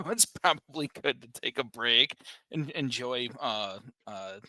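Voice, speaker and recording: A man chatting casually on a podcast, relaxed and thinking out loud. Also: mid-range voice, measured pace, dry recording, rough recording. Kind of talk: casual chat.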